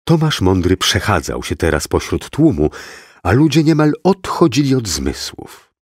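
A man narrating an audiobook in the first person, reading in a slow, solemn and expressive way. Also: lowish voice, husky, no echo, studio quality.

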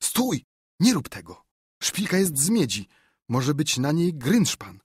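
A man voicing a frightened, excitable young boy in an audiobook, speaking in an urgent, higher whisper. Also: normal speed, slightly rough, no room sound, clean studio sound. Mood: urgent warning.

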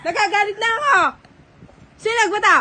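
High, bright-voiced woman playfully scolding. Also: animated, brisk. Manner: playful mock scolding, repeating she is angry. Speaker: mother scolding her small children. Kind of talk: casual family vlog.

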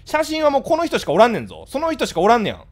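A man with a Kansai accent chatting casually with his live-stream viewers, blunt and scolding in rapid-fire retorts. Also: very high voice, huge pitch swings. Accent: Kansai Japanese.

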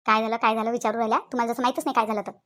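A woman's voice: on the high side, little pitch movement, very fast, fairly bright tone, close to an everyday voice. A woman voicing a grumbling old mother-in-law. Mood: sarcastic. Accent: Vidarbha Marathi. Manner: grumbling, self-pitying, scolding. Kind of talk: cartoon voice acting.

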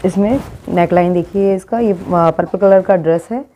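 Woman, low mellow voice, boutique product showcase presenter. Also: normal speed, a little hiss or hum. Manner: describes garments while showing them.

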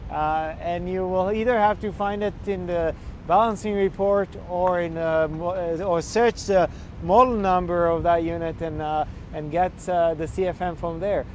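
A man's voice: high-pitched, steady tone, moderate pace, a little mellow. A young man giving an instructional walkthrough outdoors on a building rooftop, talking hesitantly with many filler sounds and restarts. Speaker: energy auditor instructor. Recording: faint outdoor noise.

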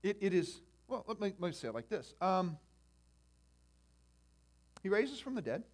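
A male pastor with a high voice delivers a sermon in a personal, conversational way and speaks straight to his listeners. He moves between soft, chatty stretches and loud, fervent preaching. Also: sing-song, moderate pace. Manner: impassioned, builds from quiet talk to loud preaching; conversational, addresses listeners directly.

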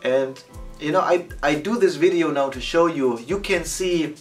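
A man in his thirties talking casually to the camera as a photography vlogger, animated and gesturing with both hands. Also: fairly high pitch, moderate pace, far from the mic, soft background music. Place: indoor studio against a plain backdrop.

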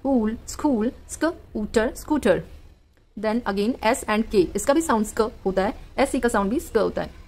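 A woman with an Indian accent teaching phonics to children, sounding out each word part by part before saying it whole. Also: fairly high pitch. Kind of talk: phonics lesson for kids.

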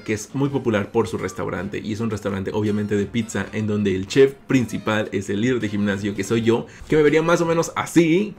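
Hosting a gaming vlog, this Mexican-accented YouTuber narrates playfully, his voice jumping around as he calls his audience "little ones." He speaks with a fairly low, gravelly voice.

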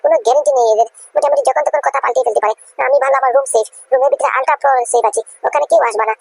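Cartoon comedy: a woman doing a sulky, greedy wife, high-voiced, chattering at top speed, dry close recording. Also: darkish tone, no echo, poor audio. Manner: rapid, chattering, complaining. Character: sulking stubborn wife, greedy for biryani.

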